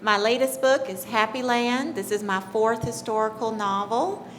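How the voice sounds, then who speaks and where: A woman from Memphis, a novelist, introducing herself on a panel in a friendly, relaxed way. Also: fairly high pitch, moderate pace, a little hiss or hum. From Memphis, USA.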